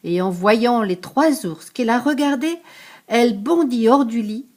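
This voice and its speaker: Older woman, storybook reading, higher voice, lively, explains words. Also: a little slow. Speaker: grandmother reading to a grandchild. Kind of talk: reading a picture book aloud.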